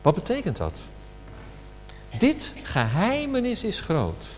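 A man preaching a sermon at a communion service, slow and emphatic, asking rhetorical questions. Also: high voice, wildly swooping pitch, soft background music. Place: church hall. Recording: reverberant hall with faint hum.

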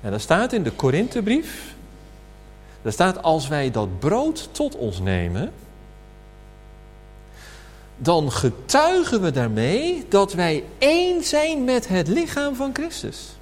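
A man preaching a sermon at a communion service, slow and emphatic, asking rhetorical questions. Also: high-pitched, wildly swooping pitch, soft background music. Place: church hall. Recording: reverberant hall with faint hum.

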